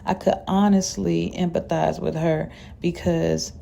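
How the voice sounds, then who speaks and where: A woman's voice: lowish voice, level tone, measured pace, gravelly, warm tone. A woman narrating a dramatic first-person story in a casual, profane way.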